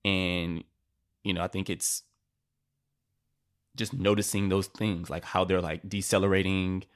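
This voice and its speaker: Low-voiced male podcast co-host, easygoing and chatty. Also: little pitch movement, measured pace. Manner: loose and conversational, full of "like" and "right?". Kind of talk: casual chat.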